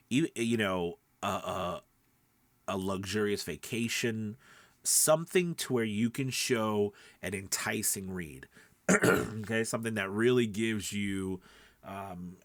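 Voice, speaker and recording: There's no room sound around this low male voice. He has a blocked nose and is coaching voice-over informally to camera, a podcast host who speaks with emphasis and keeps checking in with his listener.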